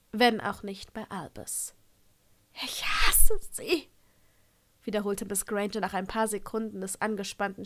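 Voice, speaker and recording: A woman narrating a fan-fiction audiobook in a calm, even storytelling voice. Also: medium pitch. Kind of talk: reading fan fiction aloud.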